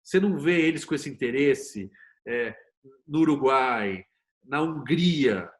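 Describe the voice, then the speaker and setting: A TV producer and screenwriter with a Brazilian Portuguese accent talks casually and emphatically as an interview guest, using informal language. His mid-range voice is expressive and his pace measured.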